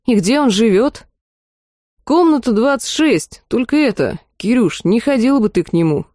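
A woman's voice: a little high, expressive, moderate pace, mellow, dry recording, clean studio sound, lightly acted. A woman reading the part of a sheepish, hungover young male student who mumbles his words in an audiobook. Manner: mumbling, groaning and apologetic.

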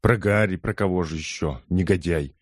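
With no room sound and studio quality, this clip features a man's deep voice at a moderate pace. Giving an audiobook character voice, he portrays an indignant older woman, a loud, gossiping mother who rambles and scolds in outrage.

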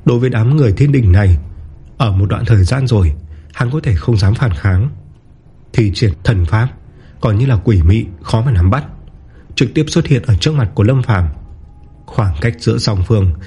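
A man narrating a martial-arts novel in a steady, even storytelling voice. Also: lowish voice, normal speed, slightly rough. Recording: soft background music.

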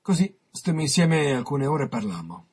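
A man on the radio reading his own written interview aloud, measured, with dramatic pauses. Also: on the high side, big pitch swings, slightly rough.

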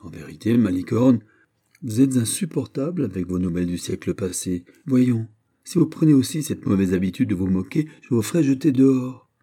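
A man voicing a proud, coquettish young lady-in-waiting in an audiobook, haughty and sharp-tongued. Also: on the low side, animated, moderate pace, slightly rough. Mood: exasperated.

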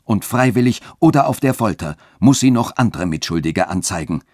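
A man's voice: lowish voice, animated, normal speed, a little mellow, dry recording, studio quality. A man reading a literary radio story and voicing a wrathful, fanatical bishop who thunders his commands. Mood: stern.

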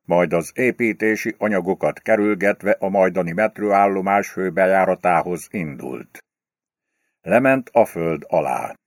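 A man narrating a crime novel as an audiobook in a low, steady storytelling voice. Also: dry recording, studio quality. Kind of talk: scripted narration.

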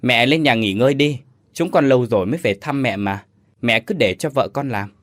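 A hearty, teasing uncle ribs his young nephew, voiced by a male storyteller. His lines come a little louder and quicker than the plain narration. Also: medium pitch, no echo, studio quality, close to an everyday voice. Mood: jovial.

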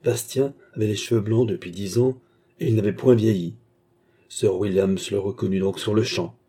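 A male audiobook narrator with a low, very dark, mellow voice. The tone is husky throughout. His storytelling is steady and measured. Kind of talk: scripted narration.

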